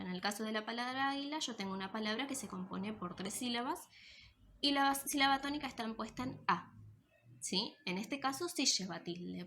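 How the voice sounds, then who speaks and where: A woman secondary school teacher giving a recorded class explanation, patient and step by step, often pausing to check her students follow. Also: medium pitch, creaky, fairly bright tone, a little hiss or hum.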